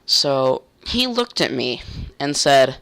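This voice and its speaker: A man's voice: mid-range voice, sing-song, slow, gravelly, a bit bright, smooth. A young man telling a heated story in a casual rant, swearing and stumbling over restarts.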